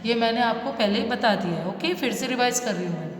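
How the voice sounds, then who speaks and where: A woman's voice: fairly high pitch, lively intonation. Patient woman teacher in an echoey room. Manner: patient, repeats and stretches sounds slowly. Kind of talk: children's reading lesson. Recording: echoey room with long reverb.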